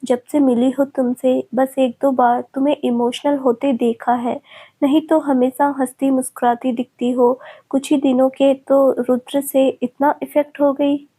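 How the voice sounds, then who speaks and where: A woman's voice: high voice, level tone, a little slow, dark tone, husky. A woman narrator voicing a young female friend who scolds and coaxes with care. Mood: caring. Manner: scolding but caring.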